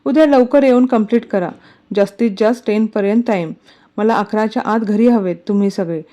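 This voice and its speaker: Woman voicing Virat, a calm firm husband. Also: medium pitch, brisk, close to an everyday voice. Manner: firm, reassuring.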